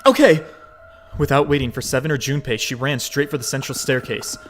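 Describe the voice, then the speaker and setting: A man reading a visual novel aloud, with expressive casual commentary and frequent swearing. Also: mid-range voice, fast. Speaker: game streamer.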